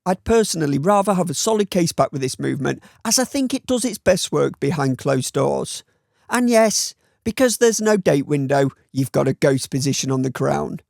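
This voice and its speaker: Northern English male reviewer, voice-over read with a touch of fry, deadpan wry delivery, dead-dry booth sound. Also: a little high, moderate pace, no echo. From Northern England. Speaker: watch reviewer.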